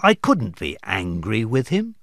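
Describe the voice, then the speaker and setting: Guy voicing a cheery kind young nephew, pitch jumping all over, slow and clear, dry sound. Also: huge pitch swings, dry recording, full character voice. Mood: cheerful. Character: male kindly Cheerful nephew Fred.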